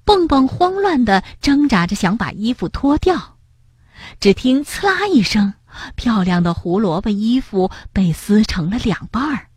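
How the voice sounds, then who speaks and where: A woman narrating a children's picture-book story in an expressive storytelling manner. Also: a little high, measured pace, slightly rough, dry recording.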